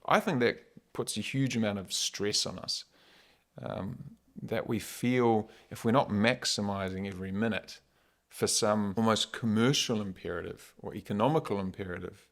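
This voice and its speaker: A man with a New Zealand accent talking casually and reflectively as a podcast guest, in a wry, informal, philosophical way. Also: fairly low pitch.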